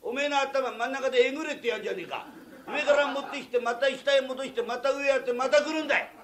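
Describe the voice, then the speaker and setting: A man's voice: extremely high pitch, fast, a bit bright, pitched above the performer's own voice. A man doing a bellowing drunken brawler. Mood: ranting. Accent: Tokyo downtown. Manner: bellowing, picks fights, rough slang. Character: rowdy drunken male craftsman, loud and quarrelsome.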